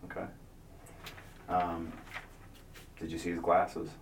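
A man's voice: sits low, little pitch movement, slow, gravelly. A man working as an investigator, questioning a witness in a methodical, probing way. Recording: distant mic with faint noise.

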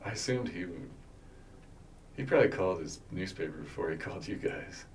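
A man answering questions as a witness, halting and unsure, often restarting his sentences. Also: sits low, lively intonation. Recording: distant mic with faint noise.

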